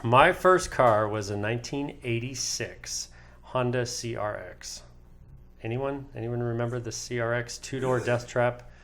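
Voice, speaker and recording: A man talking as a podcast guest, telling lively stories and laughing often in a casual chat. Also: mid-range voice, measured pace. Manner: animated storyteller, laughs often.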